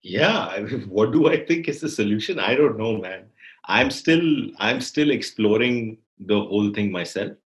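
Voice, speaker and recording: A man's voice: fairly low pitch, lively intonation, normal speed. A man with an Indian accent in reflective conversation, searching for words and repeating phrases as he thinks. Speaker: filmmaker.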